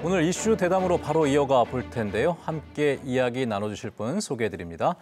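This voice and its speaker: A man's voice: medium pitch, expressive, a little fast, music in the background. Jeju guy hosting a political talk show, polite formal questions, medium voice. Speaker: host. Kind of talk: current-affairs interview hosting.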